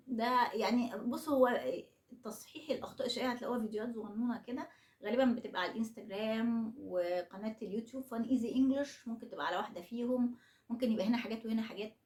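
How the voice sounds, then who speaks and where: A woman's voice: a little high, a little mellow, echoey room. A woman speaking with an Egyptian Arabic accent, giving a casual online English lesson in a chatty way, asking rhetorical questions and checking in with frequent okays. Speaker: English teacher.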